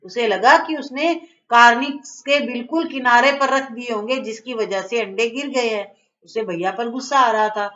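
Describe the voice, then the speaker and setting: A woman's voice: a little high, moderate pace, sharp tone. Coaxing woman teacher, lo-fi. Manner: coaxing, keeps asking "okay?". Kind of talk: explaining a school lesson to children. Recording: dull lo-fi recording.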